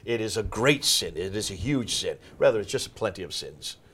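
A man's voice: lowish voice, animated, moderate pace, a bit bright, slightly rough. A man hosting a discussion, explaining texts in an emphatic, teacher-like way. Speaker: host.

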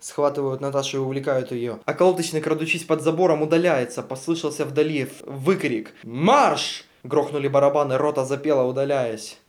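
Calm man reading a play aloud. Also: medium pitch, a little fast, hardly any pauses. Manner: calm even narration, joking asides. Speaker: podcast host.

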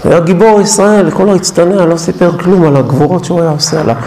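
Impassioned high-voiced male preacher. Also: dark tone, echoey room, slight background noise, poor audio. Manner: impassioned, full of rhetorical questions. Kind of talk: Hanukkah sermon.

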